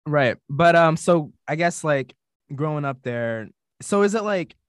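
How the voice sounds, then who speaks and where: A man's voice: a little high, lively intonation, measured pace, clear, resonant tone, no room sound, studio quality. Laid-back slangy male podcast host. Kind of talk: casual interview chat.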